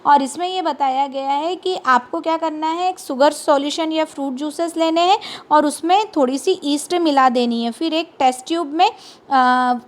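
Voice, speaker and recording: A woman science teacher giving a lecture, asking questions and answering them herself, and slowing down for terms spoken. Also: high-pitched. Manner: asks questions then answers them, slows for English terms. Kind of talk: classroom lecture.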